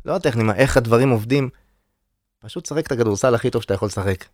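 A man's voice: medium pitch, darkish tone. A man talking as a podcast guest about his work as a DJ, rambling casually with lots of fillers. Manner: loose, rambling with many fillers. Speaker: guest DJ and producer.

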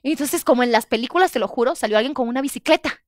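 A woman's voice: racing, noisy background. A woman in her thirties with a Mexican accent, telling a personal story with lots of energy and acting out what people said. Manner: expressive, acts out quotes with big pitch jumps. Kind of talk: animated storytelling.

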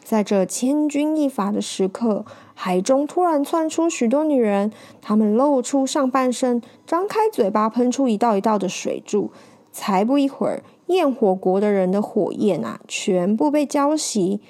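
High-voiced woman reading a storybook. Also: normal speed. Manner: lively, animated read-aloud with small fillers. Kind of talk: storybook narration.

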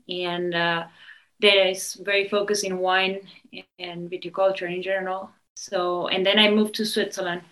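A woman's voice: mid-range voice, fairly bright tone, rough recording. Hesitant woman from Argentina. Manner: hesitant, many ums and restarts. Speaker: winemaker guest. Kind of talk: interview answers.

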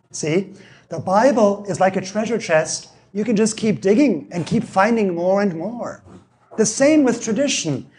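A man giving an evening theology lecture while losing his voice, often clearing his throat and restating his phrases. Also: high voice, darkish tone. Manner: explains by restating phrases and asking "see?".

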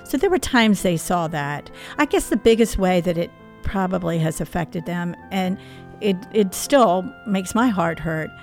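A middle-aged woman, a therapist, telling a personal story in an interview in a reflective, halting way. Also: lowish voice, animated, a little mellow, soft background music.

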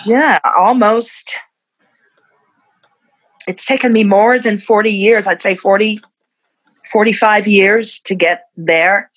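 A woman's voice: medium pitch, steady tone, slow pace, long pauses, rough recording. A woman in her fifties, a musician being interviewed, who talks in a reflective way and laughs often between thoughts. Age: 50s. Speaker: musician guest. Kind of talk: casual interview.

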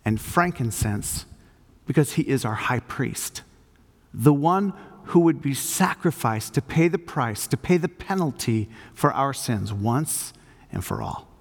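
Older male pastor, emphatic sermon delivery, unhurried, reverberant church sound. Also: mid-range voice, big pitch swings, vocal fry. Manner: earnest, emphatic preaching with slow stressed phrases. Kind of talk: sermon with closing prayer. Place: church hall.

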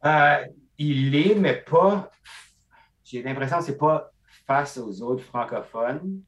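A man's voice: mid-range voice, takes it slowly, lo-fi sound. A man with an Acadian French accent, a podcast guest talking casually and switching into English often. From Acadia, eastern Canada. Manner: mixes English into his French, animated storytelling. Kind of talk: casual conversation.

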